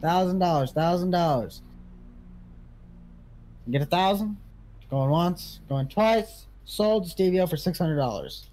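Guy doing a farm auctioneer, high voice, kinda mellow, casual game roleplay selling used equipment. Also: animated, a little slow, pauses often, poor audio. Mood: selling briskly. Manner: auctioneer's bid calling, repeating prices. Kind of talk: casual improvised video game role-play.

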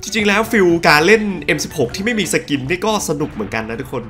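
Excitable young man commentating gameplay. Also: high-pitched, fast. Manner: excitable, bursts of exclamations while playing. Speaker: gaming YouTuber. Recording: game music and gunfire behind.

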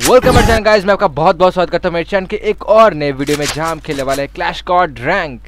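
A man from India giving casual gameplay commentary as a streamer, excitable, swinging from loud pleading to muttered threats. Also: fairly high pitch, rapid-fire. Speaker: mobile game streamer. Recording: loud game gunfire behind the voice. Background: game gunfire and shots.

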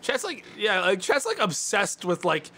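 A man's voice: high voice, huge pitch swings, measured pace, sharp tone, faint music behind. A man in his twenties, a streamer chatting casually with his viewers in a mock-indignant, ranting way, swearing often. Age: 20s. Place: small dim room indoors.

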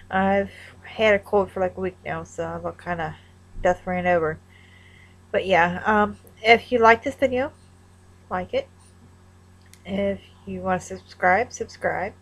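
A young adult woman speaks with a Kentucky accent from Appalachia at a middling pitch. Her delivery is casual and folksy, like a home vlog answering questions into a webcam, with plenty of regional dialect. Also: fairly bright tone, rough recording. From Kentucky, United States. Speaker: vlogger. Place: small room at home, indoors. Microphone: webcam at desk distance.

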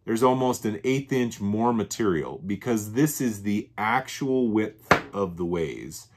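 Man calmly explaining parts on a bench. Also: on the low side, measured pace. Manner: plain, methodical explaining with frequent restatements. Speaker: channel host. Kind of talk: workshop show-and-tell. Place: workshop bench.

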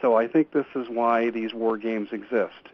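Radio guest, male, mid-pitched, earnest and urgent, stumbling restarts, muffled lo-fi line. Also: fairly even intonation, moderate pace. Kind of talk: call-in radio interview. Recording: dull lo-fi radio audio.

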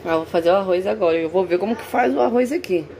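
Talking fast with vocal fry, this young Brazilian-accented woman has a mellow, mid-range voice. In her cooking vlog, filmed indoors in a small tiled home kitchen, she narrates and chats casually to viewers over a noisy, hissy recording.

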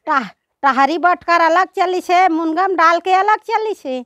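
A woman with a Chhattisgarhi accent talks homely and warmly to her followers, going over the same points again and again. Her voice sits very high and sounds bright and sharp. The recording is dry and close, with no room sound. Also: takes it slowly, no room sound, lo-fi sound. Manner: homely, affectionate, repeating herself. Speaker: vlogger. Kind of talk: casual chat to followers.

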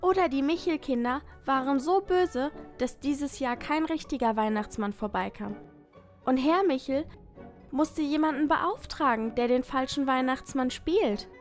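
A woman's voice: high-pitched, a little slow, soft background music. A woman playing a sweet, trusting little girl in a children's puppet theatre play. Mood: earnest.

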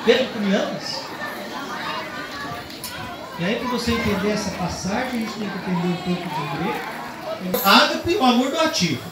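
This same Brazilian Portuguese–accented priest preaches at the tented night Mass in a high, expressive voice, keeping a moderate pace broken by long pauses. His earnest storytelling builds toward emphatic moments. The distant recording is very noisy, roomy, and laid over a loud crowd.

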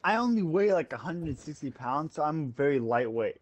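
A man's voice: on the high side, animated, a little fast. A drunk man chatting loosely with friends while gaming, rambling and stumbling over his words. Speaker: gamer playing with friends online. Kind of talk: casual chat while gaming.

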